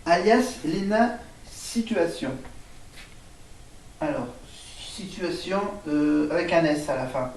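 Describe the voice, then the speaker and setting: A man talks through a casual home vlog, unhurried and halting, stopping to spell words as he writes them on a board. His voice sits a little high and comes from some distance off the camera mic. The room is echoey, with a faint hiss underneath. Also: lively intonation, darkish tone. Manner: hesitant, many fillers and restarts. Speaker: vlogger.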